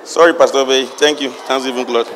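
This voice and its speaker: A man's voice: mid-range voice, steady tone, a little fast, long reverb tail, crowd noise, noisy background. A man preaching a sermon, reading verses and firing rhetorical questions at the congregation. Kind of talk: lively sermon with Bible reading.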